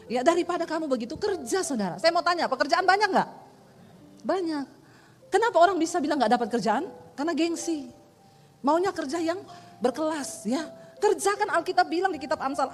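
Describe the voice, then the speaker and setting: A woman pastor preaching a lively, humorous sermon to her congregation, telling stories from her own life. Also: high-pitched. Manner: lively, humorous storytelling, addresses congregation as saudara. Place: church hall. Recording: reverberant hall with faint music.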